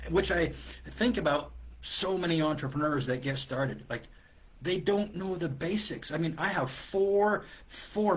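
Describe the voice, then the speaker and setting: A man hosting a live coaching show, telling a story in an animated, exasperated way with many restarts. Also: high-pitched, slightly rough. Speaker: business coach and host.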